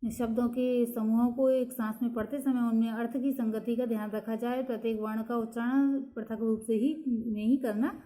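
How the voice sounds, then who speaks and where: A woman teaching a lesson, reading points from her notes in a steady, explanatory way, with fillers and "next point" cues between topics. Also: on the high side, moderate pace.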